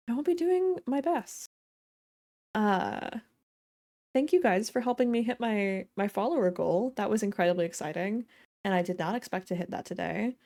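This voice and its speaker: A woman's voice: medium pitch, darkish tone. A young woman streaming a game, chatting casually and giggling as she talks to her chat. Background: faint game music.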